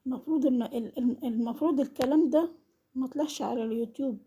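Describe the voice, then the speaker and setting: A woman with an Egyptian Arabic accent delivers a reproachful vlog monologue and hammers the same accusing questions again and again. Her voice sits somewhat high but sounds mellow and warm, with a husky, breathy edge. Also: quick pace. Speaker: vlogger commenting on an online family feud. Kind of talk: scolding monologue.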